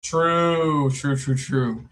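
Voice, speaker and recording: A man co-hosting a podcast, giving casual, joking commentary on a card game with lots of "like" and drawn-out asides. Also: on the high side, a bit bright, slight background noise, low-quality recording.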